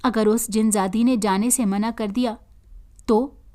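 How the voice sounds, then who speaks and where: A woman storyteller reading a moral story in an earnest, steady way. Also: on the high side, measured pace. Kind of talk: scripted story narration.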